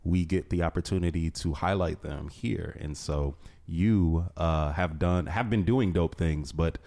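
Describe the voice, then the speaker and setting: A man hosting an interview, talking excitedly and rambling with lots of fillers. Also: deep voice, measured pace, creaky. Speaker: podcast host. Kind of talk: casual interview.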